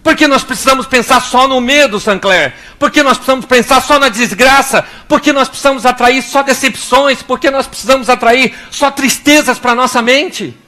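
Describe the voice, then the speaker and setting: A young Brazilian man with a Brazilian Portuguese accent preaching a sermon as pastor, animated, acting out little scenes and prayers in different voices. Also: very high voice, moderate pace, hardly any pauses.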